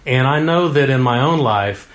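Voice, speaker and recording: A man's voice: mid-range voice, animated, normal speed. Folksy male congressional candidate. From Oklahoma. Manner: folksy and earnest, with homespun exclamations. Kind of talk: interview answers.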